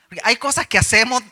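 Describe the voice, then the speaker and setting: A man's voice: very high-pitched, pushed and bright. A middle-aged man, a pastor giving a conversational sermon, telling a personal story with humor and questions to his listeners.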